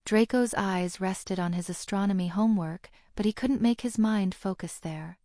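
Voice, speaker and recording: A woman narrating a fantasy novel audiobook in a steady, even storytelling delivery. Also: mid-range voice, normal speed, dry recording, clean studio sound.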